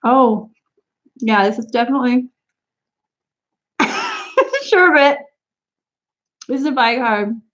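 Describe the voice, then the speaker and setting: Giggly woman chatting on a live stream. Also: a little high. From Canada. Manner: chatty, giggly, talks to chat viewers. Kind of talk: casual live-stream snack tasting. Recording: slightly dull lo-fi stream audio.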